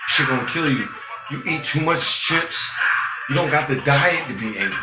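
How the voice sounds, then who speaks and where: A man's voice: animated, normal speed. Man, vlogger, unscripted street-talk rant, cussing and preachy, echoey room with music underneath. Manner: profane and preachy, swinging between loud outbursts and low muttering. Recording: roomy, with music playing behind.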